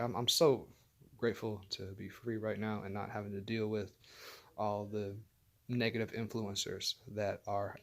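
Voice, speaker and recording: A man vlogging as he tells a personal story in a casual, rambling way, swearing often and restarting his sentences with many fillers. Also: on the low side.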